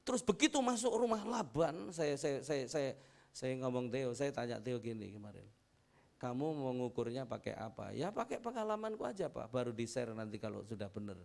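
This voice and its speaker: A man's voice: mid-range voice, normal speed, gravelly, darkish tone. A middle-aged man preaching a chatty, anecdotal sermon as pastor, repeating phrases and calling for amens. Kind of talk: conversational sermon.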